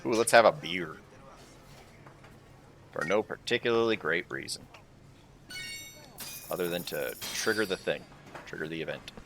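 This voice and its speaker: A man's voice: sits low, unhurried, long pauses, a bit bright, a little hiss or hum. A man streaming a video game, commenting casually with rambling, self-mocking asides. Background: game music.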